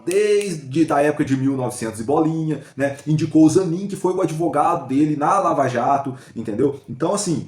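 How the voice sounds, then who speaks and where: A man hosting a political react channel, commenting in a casual, chatty way and tagging phrases with quick check-ins. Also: fairly high pitch, a little mellow, roomy sound. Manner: chatty, repeats "tá?" and "né?" between phrases.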